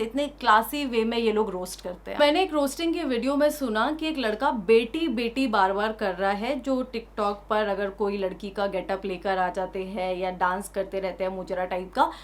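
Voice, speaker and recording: A young woman giving an indignant opinion rant on her vlog, full of emphatic rhetorical questions. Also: a little high.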